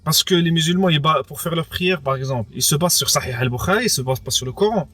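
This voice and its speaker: Recorded dry, a young Frenchman of Moroccan background speaks fast in a fairly high, fairly bright voice, giving a casual personal testimony as an interviewee. He is also a native Arabic speaker and hesitates a lot, repeating words and using many fillers like "quoi" and "entre guillemets".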